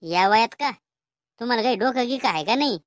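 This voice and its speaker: A woman's voice: on the high side, expressive, a little fast, noisy background, lightly acted. A woman voicing a cheeky, mocking young grandson in a cartoon comedy, with a Vidarbha Marathi accent and a teasing way of talking.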